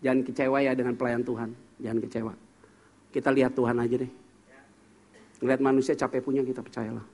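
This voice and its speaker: A male pastor delivers a lively sermon in a church service, with a voice of ordinary pitch for a man. He tells frank, humorous stories and keeps firing questions at the congregation.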